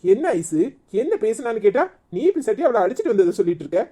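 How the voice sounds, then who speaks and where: A woman's voice: medium pitch, big pitch swings, fast, mellow, husky. A woman with a Kanyakumari Tamil accent voicing a stern, questioning mother-in-law in a cartoon.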